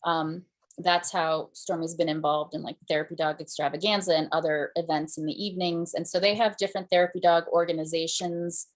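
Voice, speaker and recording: A woman's voice: fairly low pitch, steady tone, fairly quick. A woman presenter answering audience questions in a conversational way, with fillers and restarts. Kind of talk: conference Q&A answer.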